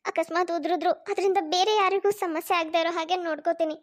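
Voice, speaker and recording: Cartoon young wife, very high and piercing, tearful and dramatic, as a woman voices her. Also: steady tone, fast talker. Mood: apologetic. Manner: wailing, tearful protests. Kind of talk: cartoon voice acting.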